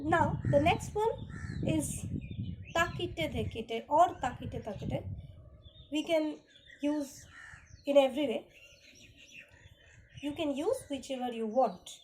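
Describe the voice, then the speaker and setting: A woman's voice: high voice, expressive, slow, pauses often, background noise. A woman teaching an online dance lesson, calling out rhythm syllables and counts.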